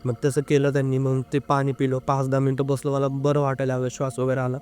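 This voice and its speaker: A young man telling a personal story as an interview guest, speaking earnestly and haltingly, with filler sounds. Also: mid-range voice, completely flat delivery, a little mellow, faint music behind. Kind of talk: casual first-person storytelling.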